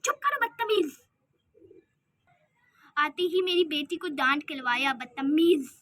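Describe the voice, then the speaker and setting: A sharp-tongued, scheming cartoon stepmother who scolds the child in her care. The voice is very high and bright. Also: lively intonation, slow, full character voice. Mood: scolding. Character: mean scheming village stepmother aunt. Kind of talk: cartoon voice acting.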